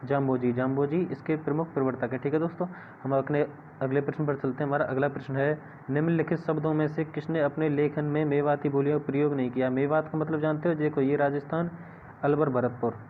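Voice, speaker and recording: A man's voice: a little high, steady tone, quick pace. A man teaching an exam-prep lesson, often asking viewers a question and answering it himself. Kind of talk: classroom-style exam lesson. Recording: tinny phone-like audio with faint hiss.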